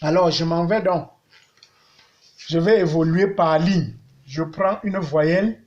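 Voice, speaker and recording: A man teaching a language lesson, speaking deliberately and repeating words as he sings out vowels to show their tones. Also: on the high side, a little mellow, dull audio.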